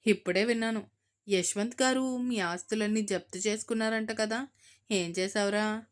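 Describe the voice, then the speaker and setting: A woman's voice: mid-range voice, steady tone, normal speed, close to an everyday voice. A sly middle-aged man who enjoys rubbing in bad news, as a woman narrator puts him on. His tone is mocking and knowing, in a spoken storybook.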